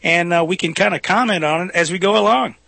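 A man hosts a talk show with casual, folksy lead-ins. His voice is bright and a little high, recorded dry with no room sound. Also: fast talker, vocal fry, dry recording.

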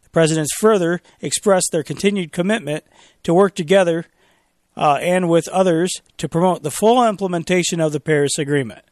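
A man's voice: fairly high pitch, brisk, a little mellow, no room sound, clean studio sound. A man hosting a talk radio show, reading official statements aloud and breaking in with sarcastic, mocking commentary. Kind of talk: opinionated talk radio monologue.

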